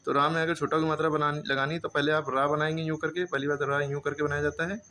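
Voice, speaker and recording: A man's voice: on the high side, flat delivery, fast talker, pushed and bright. A man teaching a handwriting lesson, explaining patiently step by step and often checking that the students follow.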